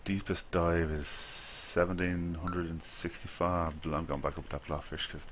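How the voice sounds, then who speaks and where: Playing a video game, an Irishman who makes gaming videos offers casual commentary to himself, laughing at his slip-ups as he rambles. He has a deep, fairly bright voice with a level tone and moderate pace, and a little hiss or hum is audible.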